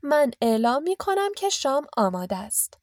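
A woman voicing a fussy middle-aged housewife who gushes and flatters in an audiobook reading. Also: high-pitched, no echo, pitched above the performer's own voice. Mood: gushing.

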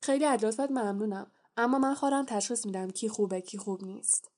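A woman's voice: on the high side, darkish tone, close to an everyday voice. A woman voicing a polite but firm young schoolboy wizard in an audiobook.

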